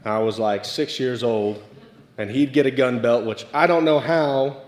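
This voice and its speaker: A man giving a memorial eulogy, relaxed and a little hesitant, with many fillers as he reminisces. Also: mid-range voice, unhurried. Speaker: eulogy speaker. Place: memorial service room. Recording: echoey livestreamed room.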